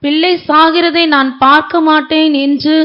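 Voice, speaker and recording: High-voiced woman reading scripture. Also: flat delivery, a little slow. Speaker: scripture reader. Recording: dull lo-fi recording.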